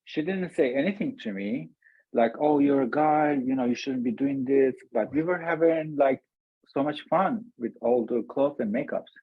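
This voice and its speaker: A man from Turkey, a guest speaking softly and haltingly, with small grammar slips. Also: medium pitch, husky, no room sound. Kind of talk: casual interview talk. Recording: tinny phone-like line, dry.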